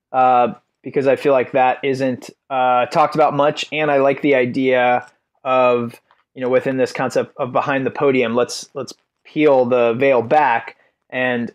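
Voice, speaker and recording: This male podcast host asks long, winding questions in a mid-range voice. He fills them with ums and uhs and rephrases himself as he goes. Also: medium pitch. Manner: thoughtful, rambling questions with many fillers. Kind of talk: casual interview questions.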